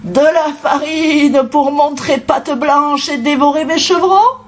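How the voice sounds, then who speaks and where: A woman's voice: high-pitched, takes it slowly, voice pushed up. A woman voicing a stern, protective mother goat who scolds and growls suspiciously.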